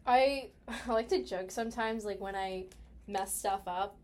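In a mid-range voice and at a slightly slow pace, a young woman from the United States chats casually about personal things. Her storytelling is animated and constantly sprinkled with "like."

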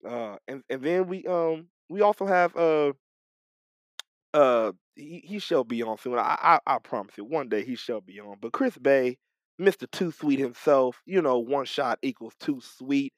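A man's voice: medium pitch, expressive, measured pace, dry recording. A man co-hosting a podcast in casual chat, talking animatedly with frequent stumbles, restarts and repeated words. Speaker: podcast co-host. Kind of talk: casual wrestling talk.

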